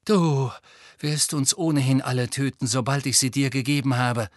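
A man reading an audiobook, voicing a frightened but resolute teenage boy who speaks in a hushed, urgent way. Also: medium pitch, steady tone, normal speed, no echo, studio quality, natural voice.

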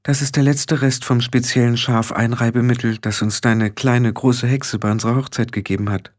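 Ein Mann spricht eine kleine, besorgte Clanchefin mit schriller, schimpfender Stimme. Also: male voice, fairly even intonation, moderate pace, close to an everyday voice. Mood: coaxing. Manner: shrill, worried and scolding. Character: anxious, fussy little fairy-clan matriarch woman.

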